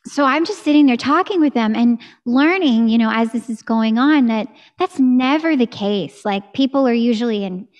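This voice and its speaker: An American woman in her thirties, a singer, chats eagerly in a casual video-call interview. Her voice sits a little high and she talks with her hands, close to a studio mic in a room at home. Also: expressive, normal speed, few pauses, darkish tone. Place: home room with curtain backdrop. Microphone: studio mic on a boom arm.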